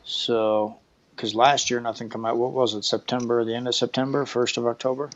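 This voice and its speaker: A man's voice: medium pitch, flat delivery, a little fast, lo-fi sound. A man co-hosting a casual chat over a video call, talkative.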